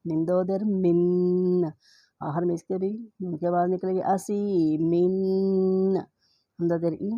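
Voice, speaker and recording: A woman with an Urdu accent teaching Quran reading, spelling out each letter and vowel mark slowly and then blending the syllables. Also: on the low side, little pitch movement, no echo, lo-fi sound. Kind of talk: slow spelling-out recitation lesson.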